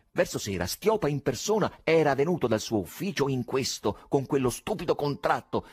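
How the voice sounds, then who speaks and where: A man reading a novel aloud as an audiobook narrator, in an expressive, theatrical manner. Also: on the low side, husky, no room sound. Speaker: audiobook reader. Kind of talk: scripted literary narration.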